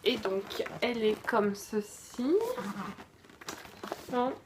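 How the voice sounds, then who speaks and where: Woman, unhurried unboxing vlogger, slightly high voice, hesitant with fillers, faint hiss. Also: fairly even intonation. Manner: hesitant, lots of fillers and self-corrections. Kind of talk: casual product review.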